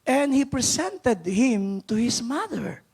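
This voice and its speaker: High-voiced animated Filipino pastor. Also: male voice, takes it slowly, slightly rough. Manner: animated, questions the congregation and urges clapping. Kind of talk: Taglish sermon with scripture reading. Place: church worship service.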